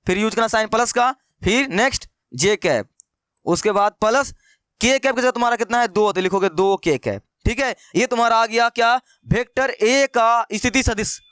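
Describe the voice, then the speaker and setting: A man's voice: very high voice, normal speed, a bit bright, clean tone, no echo, clean studio sound. A man teaching maths in a casual, chatty way, repeating questions to his students and calling them brother. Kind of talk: casual Hindi maths lesson.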